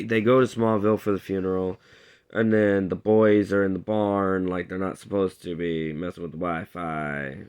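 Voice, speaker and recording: Low-voiced man rambling through a recap. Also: clear, resonant tone. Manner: rambling, lots of fillers, acts out characters' lines. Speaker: TV show reviewer. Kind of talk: casual episode recap.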